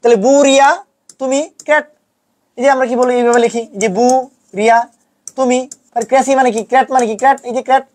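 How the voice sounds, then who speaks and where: Fast-talking man teaching online. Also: very high voice, level tone, a little mellow. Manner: chanting mnemonics; colloquial teasing. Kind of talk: online lesson.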